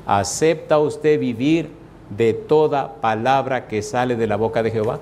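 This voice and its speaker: Pastor guy preaching, mid pitched, slows right down on the big lines, keeps asking the crowd the same question twice. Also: a little mellow, a little hiss or hum. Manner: repeats rhetorical questions to the congregation; slows down and stresses key phrases. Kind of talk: evangelistic sermon.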